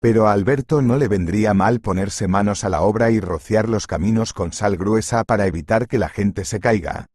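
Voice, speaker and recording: A man's voice: lowish voice, normal speed, hardly any pauses, darkish tone, dry recording, studio quality. A man reading a stern restaurant boss. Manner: firm, corrective. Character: stern fair-minded male restaurant boss.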